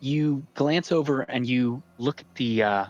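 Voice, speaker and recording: Running a tabletop RPG as dungeon master, a man lays out scenes with careful deliberation, pausing after each phrase. His voice is medium in pitch and a little mellow, and the recording has its highs cut off.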